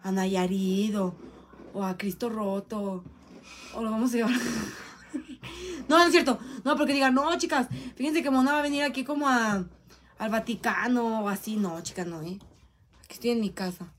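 A woman's voice: fairly high pitch, fairly even intonation, moderate pace. A woman with a Mexican accent chatting casually on a live stream from home, joking, swearing and reading out viewer comments. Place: at home, indoors.

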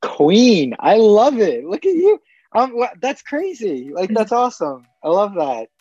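A woman's voice: mid-range voice, very animated, measured pace, warm tone, slightly rough, no room sound, faint music behind. A woman hosting a podcast, chatting casually and reacting to her guest with upbeat, effusive praise. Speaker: podcast host. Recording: dull, dry lo-fi mic.

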